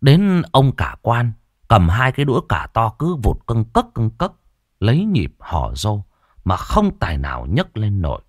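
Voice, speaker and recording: A man's voice: lowish voice, wildly swooping pitch, a little slow, no echo, clean studio sound. A man narrating a scripted ghost story with dramatic, heavily inflected delivery.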